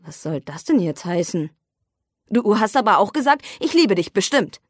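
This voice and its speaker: A woman's voice: medium pitch, sing-song, moderate pace, no room sound, clean studio sound. A woman voicing an irritable, jealous young man who talks sarcastically and flares into rants. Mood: sarcastic, suspicious. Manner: sarcastic, escalating into shouting rants.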